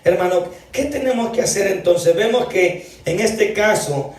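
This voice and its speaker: Male preacher, higher voice, reads scripture, says "brother" a lot, booming hall echo. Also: measured pace, darkish tone. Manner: keeps calling listeners brother. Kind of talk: evening sermon reading scripture aloud. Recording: echoey hall, distant mic.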